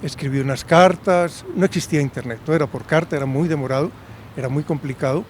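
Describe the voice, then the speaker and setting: A man's voice: on the high side, quick pace, a little hiss or hum. A university professor in his sixties from Medellín, Colombia, telling his story in a conversational interview and often checking in with a questioning "right?".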